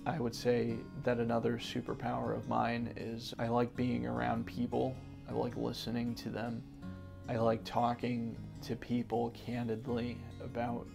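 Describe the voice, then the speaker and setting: A young man from Connecticut who organizes for environmental justice answers questions in a sit-down interview held in an office gallery room. His medium-pitched voice is completely flat, unhurried and creaky, and he responds earnestly, often restarting and using fillers. Music plays in the background.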